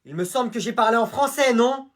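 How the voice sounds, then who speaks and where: A man voicing a stern male teacher who lectures slowly and deliberately. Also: very high voice, fairly bright tone, voice pushed up.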